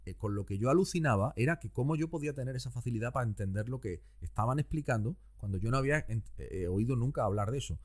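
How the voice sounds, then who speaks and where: A man, a guest teacher explaining things calmly and patiently in conversation. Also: fairly low pitch. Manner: calm, didactic, explains patiently.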